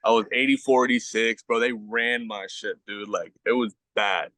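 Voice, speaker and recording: A young man with a lowish voice tells his stories in loose slang, swearing often and filling gaps with "like" and "bro." The sound is close and dry, with no room around it. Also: fairly even intonation, moderate pace, pushed and bright, dry recording. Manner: slangy, profane storytelling with many fillers. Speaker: guest, baseball pitcher. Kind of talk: casual podcast chat.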